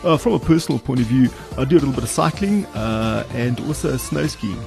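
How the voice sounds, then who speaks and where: A man in his fifties, co-hosting a podcast and speaking hesitantly with frequent pauses. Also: medium pitch, lively intonation, gravelly, over music. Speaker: podcast co-host. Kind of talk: casual podcast chat.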